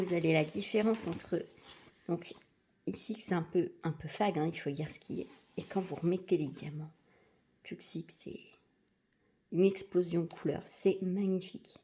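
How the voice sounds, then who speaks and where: A woman chatting enthusiastically in a casual unboxing vlog, sometimes slipping into a soft half-whisper and moving away from the mic. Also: on the low side, reverberant. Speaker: crafting vlogger.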